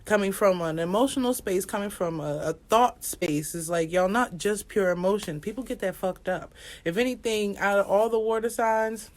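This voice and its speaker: A woman's voice: mid-range voice, moderate pace. A woman giving a casual astrology reading as an oracle card reader, rambling and repetitive, speaking straight to viewers and swearing now and then.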